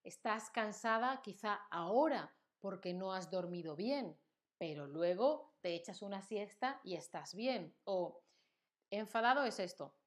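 A young Spanish woman teaching her language on a live stream, speaking slowly and deliberately. She acts out everyday examples with lively exaggeration. She keeps checking in with her viewers as she explains. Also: medium pitch. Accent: Spanish from Spain. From Spain.

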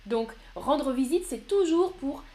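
A woman's voice: sits high, animated, slow pace, darkish tone. A woman teaching grammar in a live online lesson, patient and encouraging as she answers viewers one by one. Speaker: French teacher.

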